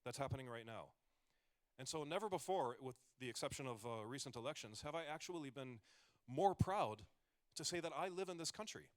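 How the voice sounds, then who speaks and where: An American comedian in his forties gives a conversational stage talk, casual and full of joking asides and rambling restarts. His voice is medium in pitch, animated and brisk.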